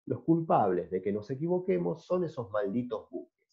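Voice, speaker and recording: Worn-out clerk pleading and protesting, as a man reads the part aloud. Lively pitch, dull lo-fi sound. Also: normal speed, creaky. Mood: exasperated. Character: weary, exasperated male office clerk.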